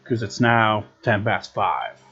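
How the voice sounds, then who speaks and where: A man's voice: fairly low pitch, expressive, slow, bright, forceful tone, lo-fi sound. A man giving casual, rambling video game commentary in a wry, unenthusiastic manner. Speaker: gameplay video host. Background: game music.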